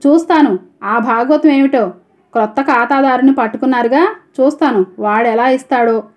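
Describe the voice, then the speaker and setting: A woman voicing an irritated male shopkeeper who complains fast about an unpaid debt. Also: high voice, close to an everyday voice. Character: irritated shopkeeper man demanding his debt. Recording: dull lo-fi audio.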